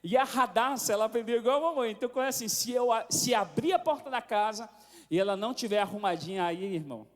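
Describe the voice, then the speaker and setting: Brazilian male pastor, high tenor voice, chatty storytelling sermon, big church reverb. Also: fast. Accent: Brazilian Portuguese. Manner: conversational storytelling with frequent tag questions. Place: church sanctuary. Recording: long hall reverb.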